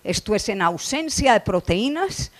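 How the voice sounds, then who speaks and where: Her mid-range voice swings widely in pitch and moves a little slowly as she, a middle-aged Colombian woman with a Colombian Spanish accent, gives a conference lecture on poultry nutrition. Explaining slides in a conference hall, she leans on "eh" fillers and restarts.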